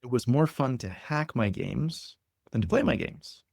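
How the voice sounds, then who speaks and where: A man being interviewed as a company founder, telling stories in an animated way and often repeating words as he builds a point. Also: medium pitch, unhurried, gravelly, no echo, clean studio sound. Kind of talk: conversational interview.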